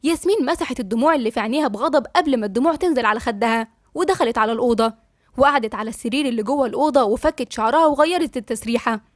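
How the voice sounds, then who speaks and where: A woman narrating a story in an Egyptian Arabic accent, with a rapid, even storytelling manner. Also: on the high side, no echo, studio quality. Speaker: audiobook narrator.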